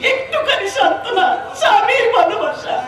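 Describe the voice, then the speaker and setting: A woman's voice: very high-pitched, lively intonation, normal speed, fairly bright tone. A woman playing a wretched young niece in historical folk theatre, imploring tearfully in an emotional declamatory style. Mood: tearful pleading. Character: wretched pleading young niece begging her uncle for mercy. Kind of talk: emotional declamatory Bengali jatra stage acting. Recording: very echoey stage, distant, audience noise.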